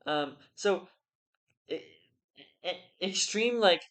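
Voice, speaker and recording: Someone drunk, rambling casually through an argument in halting phrases that trail off. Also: medium pitch, lively intonation, fairly bright tone. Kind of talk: casual rambling philosophical monologue.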